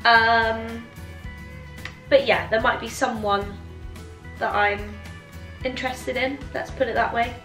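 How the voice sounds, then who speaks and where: A woman's voice: fairly high pitch, level tone, takes it slowly, long pauses, fairly bright tone. Giggly, tipsy young British woman, roomy sound. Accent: British English. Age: 20s. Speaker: vlogger answering viewer questions. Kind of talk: casual chatty Q&A to camera. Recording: roomy echo, music behind.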